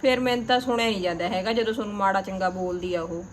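A woman's voice: medium pitch, steady tone, very fast, echoey room, a little hiss or hum, lightly acted. An actress playing a young married village woman with a Punjabi accent, complaining about her mother-in-law. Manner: aggrieved complaining, plain rural talk.

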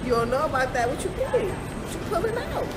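High, animated young man with cheeky comebacks. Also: brisk, very noisy. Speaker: interviewee.

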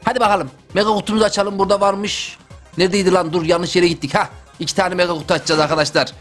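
A young man giving excitable, slangy live commentary over his gameplay as a gaming YouTuber. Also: sits high, rapid-fire, faint music behind. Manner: excitable, slangy, talks to himself and viewers.

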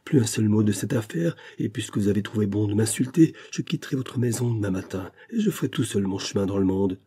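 A man's voice: on the low side, expressive, brisk, dark tone, a little hiss or hum. A man voicing a defiant young son, curt and proud.

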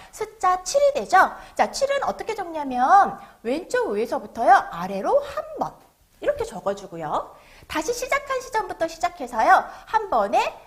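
A woman teaching young children to read and write numbers, drawing out words slowly for them to repeat. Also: sits high. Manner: sing-song, slow drawn-out counting for children to repeat. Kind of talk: children's math lesson.

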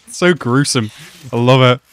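A young man reacting to an anime episode at home, talking excitedly and exclaiming often. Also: mid-range voice, slight background noise. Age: young adult. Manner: animated, exclaims and laughs often. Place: small room at home.

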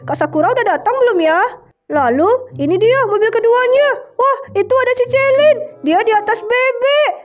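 An excited young boy rounds up his friends and gives the orders, played by a woman. The voice is very high and brisk. Faint music plays in the background of this game drama. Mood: eager. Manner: bright, eager, bossy little leader. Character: cheerful energetic young boy Yuta.

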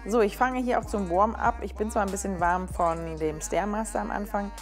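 A young woman talks through her workout in an upbeat, chatty voice-over, walking through each exercise step by step. Her voice sits at an ordinary middle pitch. Soft music plays quietly behind her. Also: moderate pace. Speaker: fitness vlogger. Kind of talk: casual voice-over explaining a gym routine.

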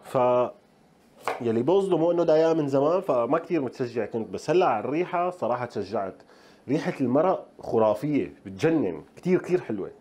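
A male cooking-show host with a Levantine Arabic accent walks viewers through a recipe in a home kitchen. His pace is brisk and his voice sits at a middling pitch. He keeps up a chatty, playful stream of remarks aimed at the audience. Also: expressive, warm tone, a little hiss or hum. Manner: chatty, speaks straight to viewers, playful asides. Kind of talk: casual cooking tutorial.

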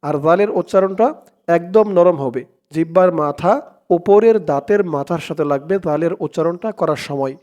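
A man teaching Quran reading in Bengali with a Bangladeshi accent, spelling out words letter by letter and chanting the verses slowly. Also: on the high side, a little mellow. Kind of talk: slow step-by-step Quran recitation lesson.

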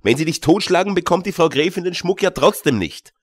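A man's voice: fairly high pitch, lively intonation, brisk, dry recording, studio quality, voice pushed up. A man reading an audiobook, voicing a bold young journeyman who scoffs and lectures his nervous companion. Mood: scoffing.

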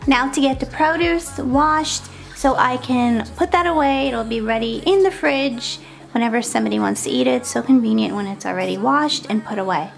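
Chatty woman with a gravelly voice. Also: a little high, normal speed, music in the background. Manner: chatty, upbeat, homey. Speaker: cleaning vlogger. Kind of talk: casual voice-over narration.

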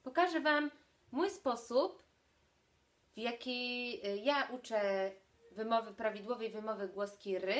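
A young woman speech therapist giving a video lesson, clearly articulating and demonstrating sounds. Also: a little high, measured pace.

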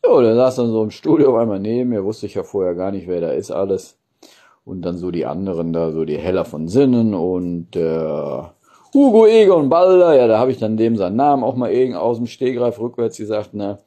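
Very mellow, low-voiced man chatting casually. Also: expressive, brisk. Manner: colloquial, ending phrases with questioning tags. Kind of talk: casual rambling chat to camera. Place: small indoor room. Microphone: phone at arm's length.

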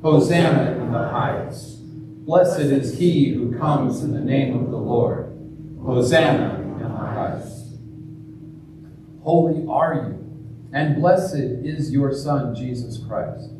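A man leading a church service, preaching and then chanting the eucharistic prayer in a slow, measured liturgical way, with a heavy cathedral-like echo. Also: medium pitch. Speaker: priest. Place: large church. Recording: echoey church from far off, noisy.

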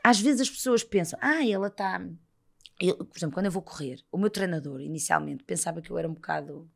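Woman, thirties, European Portuguese accent, casual podcast guest, lively storytelling. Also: lowish voice, fast talker, gravelly. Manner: animated storyteller, acts out dialogue. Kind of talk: casual chat.

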